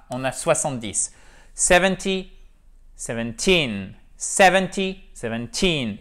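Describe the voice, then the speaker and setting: A teacher giving a video lesson in a lively, chatty way, often speaking straight to the viewers and slowly repeating and spelling out words. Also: medium pitch. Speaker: English teacher. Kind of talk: video lesson explaining vocabulary.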